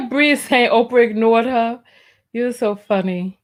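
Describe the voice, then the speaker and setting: A woman's voice: fairly high pitch, a little slow. A woman hosting a live call-in show in a casual, chatty style.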